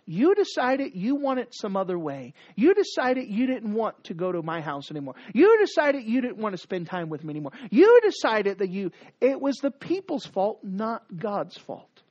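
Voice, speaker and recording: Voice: medium pitch, very animated, normal speed, hardly any pauses, dry recording. Dramatic preacher, dull lo-fi sound. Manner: dramatic swings from loud to hushed; emphatic, repetitive cadence. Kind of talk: sermon.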